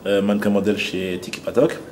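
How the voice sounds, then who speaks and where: A man's voice: fairly low pitch, flat delivery, fast, darkish tone. A man from Cameroon, a fashion model, speaking earnestly in an interview with some hesitations. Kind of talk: interview testimony. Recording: noisy ambience behind.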